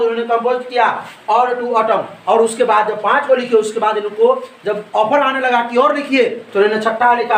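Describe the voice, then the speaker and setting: Man, teacher, very high pitch, roomy echo, repetitive question-and-answer lecture. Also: a little hiss or hum. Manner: asks questions and answers them himself, repeats points. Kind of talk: classroom lecture explaining a poem. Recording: echoey room.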